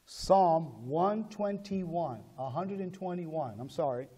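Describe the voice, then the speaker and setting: A male pastor preaching a sermon in call-and-response style, swinging between shouted calls and low asides. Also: animated, takes it slowly, breathy edge, long reverb tail.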